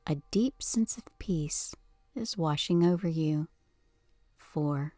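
A woman leading a guided hypnosis session with a slow, soothing countdown delivery, soft and breathy at phrase ends. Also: low voice, no room sound, faint music behind. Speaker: hypnosis podcast host.

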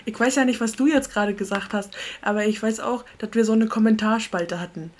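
A woman in her twenties co-hosting a podcast in casual chat, playful and teasing, quick to laugh. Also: fairly high pitch, fairly even intonation, a little mellow, slight background noise. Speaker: podcast co-host.

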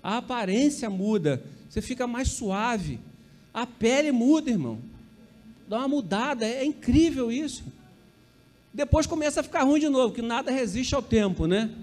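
A man's voice: very high-pitched, expressive, normal speed, a little mellow. A Brazilian man preaching a sermon as pastor, chatty and conversational, often checking in with the congregation and joking about his own slips. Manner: conversational, peppered with tag questions to the congregation; self-correcting, joking asides.

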